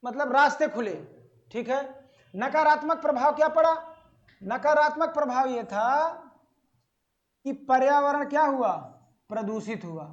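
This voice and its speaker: A man teaching an exam-prep lesson on agriculture, asking the class questions and answering them himself, stretching out key words slowly. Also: extremely high pitch. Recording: dull lo-fi audio.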